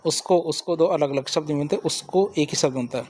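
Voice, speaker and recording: A man's voice: a little high, fairly quick, a little mellow. A man teaches spelling for exams in a slightly raised voice. He asks each question aloud and answers it himself, over and over. Faint noise hums behind him. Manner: drills with repeated question-and-answer. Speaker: Hindi exam tutor. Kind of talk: spoken spelling lesson.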